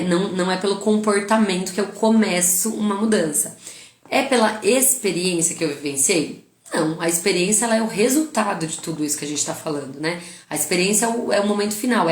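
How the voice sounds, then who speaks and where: Brazilian woman in her thirties giving a lively class lecture, mid-pitched voice, roomy echo. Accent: Brazilian Portuguese. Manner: lively, addresses listeners with rhetorical questions. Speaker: teacher. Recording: echoey room.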